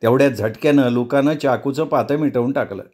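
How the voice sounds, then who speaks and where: A man narrating a novel aloud in a measured, expressive storytelling voice. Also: medium pitch.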